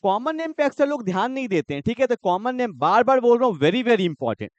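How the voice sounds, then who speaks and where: A man teaches chemistry in an exam-prep lecture. His voice sits high and swings widely as he fires repeated questions at the students. The sound is smooth and clear, recorded dry with a slightly dull tone. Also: very animated, a little fast, a little mellow, dry recording.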